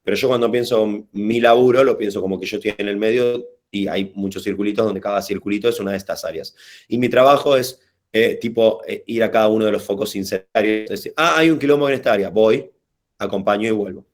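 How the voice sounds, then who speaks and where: A man's voice: on the low side, fairly even intonation, a little fast, darkish tone. A man with a Rioplatense Spanish accent leading an informal online workshop over a video call, talking casually and digressively with slang and hesitant restarts. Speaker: workshop facilitator.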